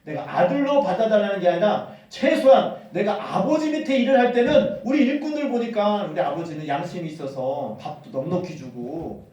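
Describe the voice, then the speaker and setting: A man's voice: sits high, lively intonation, normal speed, few pauses, a little mellow. A man voicing a destitute young prodigal son, wheedling and self-pitying. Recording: echoey hall from far off.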